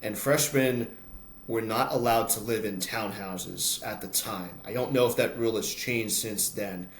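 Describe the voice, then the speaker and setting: Telling personal stories in a relaxed interview, this American guest speaks a little slowly in a voice on the low side. He works as an announcer and voice-over artist, and the audio carries roomy echo along with noticeable background noise.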